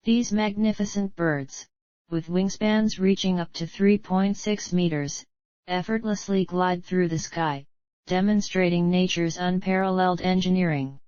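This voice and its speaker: A woman's voice: on the low side, fairly even intonation, a little slow, darkish tone, clear, resonant tone, dry recording, dull audio. A woman reading polished, explanatory nature documentary narration from a script.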